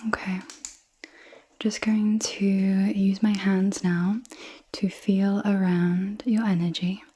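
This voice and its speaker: A woman in her twenties doing a whispered ASMR role-play as a clinic practitioner, in a soft, breathy, reassuring whisper. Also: medium pitch, flat delivery, takes it slowly. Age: 20s. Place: indoors, small room with dark backdrop.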